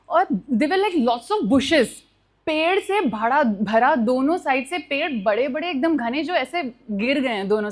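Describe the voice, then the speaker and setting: A young woman telling a true personal story at a live storytelling session, animated and mixing in English phrases, acting out noises with sound words. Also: high-pitched. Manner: mixes Hindi with English phrases.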